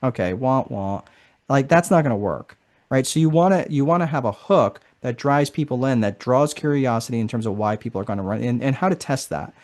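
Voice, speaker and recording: A man's voice: mid-range voice, a little fast, darkish tone. Chatty man hosting a live course session. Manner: casual, chatty, keeps adding "right?". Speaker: marketing strategist presenting a course. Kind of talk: live online information session.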